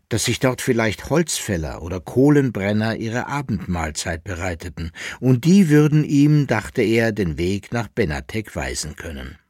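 A man reading a historical novel aloud in a measured, expressive manner for radio. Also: on the low side, no echo, clean studio sound. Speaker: reader. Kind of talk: audiobook narration of a historical novel. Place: radio studio.

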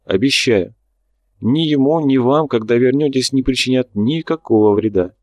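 A man voicing a hooded, secretive male official who gives calm, measured instructions in a muffled, hollow voice. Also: mid-range voice, no echo, studio quality, close to an everyday voice. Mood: instructing.

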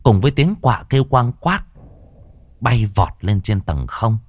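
A man's voice: fairly low pitch, big pitch swings, measured pace. A man narrating a horror story in a dramatic, suspenseful way.

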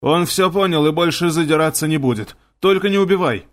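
A man reading an audiobook and voicing a worried older male village commander, raising his voice higher and louder to plead. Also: expressive, a little slow.

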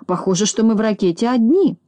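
A woman voicing a boastful, quick-tempered little boy in a children's storybook, bossy and scolding. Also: a little high, no echo, pitched above the performer's own voice, natural voice. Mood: puzzled. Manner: bossy, scolding, easily excited.

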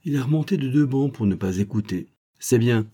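A man voicing a cheeky young male actor-sleuth who talks in lively street slang. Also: medium pitch, brisk, slightly rough. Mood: scheming.

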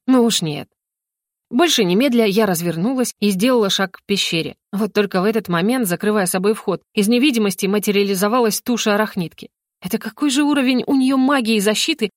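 A woman reads a fantasy novel aloud in the first person, with lively, expressive phrasing. Her voice sits mid-range. The sound is dry and close, with no room around it. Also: mid-range voice, no room sound. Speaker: narrator. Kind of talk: audiobook narration.

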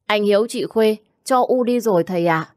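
A frightened little village girl, calling out high and loud as a woman narrator puts her on. Quick and urgent, in a dry close sound. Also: no room sound, natural voice. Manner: calling out, scared.

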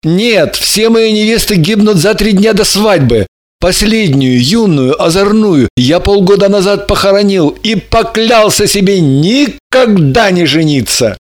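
A man's voice: high-pitched, animated, a little slow. A man voicing an anguished young man who believes he is cursed, speaking in a pleading, despairing way in an audiobook. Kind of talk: audiobook character reading.

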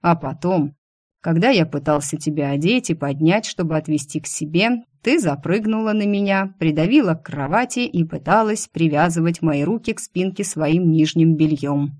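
A woman reading an audiobook, voicing a male boss who teases and mocks, sometimes shouting. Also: fairly high pitch, normal speed, close to an everyday voice. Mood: teasing. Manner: mocking, playfully teasing, bursts into yelling. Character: teasing, mocking male boss, quick to shout.

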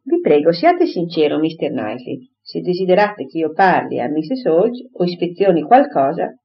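A woman's voice: on the low side, big pitch swings, normal speed, breathy edge, exaggerated voice. A woman reading an audiobook, voicing a pompous, bossy married lady who gushes and insists, in a dull lo-fi recording. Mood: chatty, insistent. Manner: gushing, insistent, talks over others.

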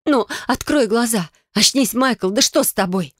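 A woman voicing a young witch, speaking higher and more urgently, sometimes scolding. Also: a little fast, a little mellow, no room sound, studio quality, natural voice. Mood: alarmed.

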